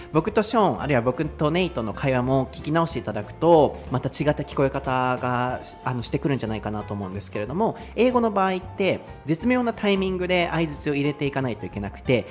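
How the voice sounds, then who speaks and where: A Japanese man hosting an English lesson podcast, chatting casually and explaining with a laugh. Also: mid-range voice. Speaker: podcast host and English teacher. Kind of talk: casual bilingual lesson chat.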